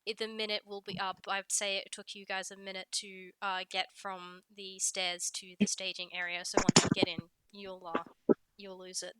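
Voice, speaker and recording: A woman's voice: mid-range voice, flat delivery, normal speed, fairly bright tone, clear, resonant tone, rough recording. A woman acting as game master, improvising narration for tabletop players in a conversational way.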